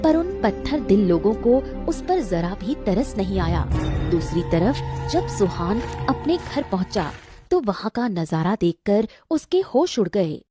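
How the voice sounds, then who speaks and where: A woman narrating a children's cartoon story in an expressive, dramatic way. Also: mid-range voice, unhurried, over music.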